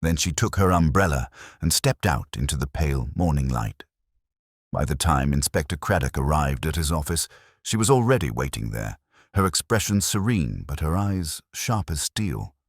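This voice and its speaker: Very deep-voiced man narrating a mystery. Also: expressive, moderate pace, no room sound, studio quality. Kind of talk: scripted audiobook narration.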